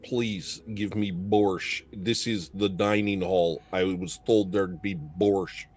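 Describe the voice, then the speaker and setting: Man doing a mock Russian accent, gloomy deadpan guy, slow and flat, lower than his usual voice. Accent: put-on Russian.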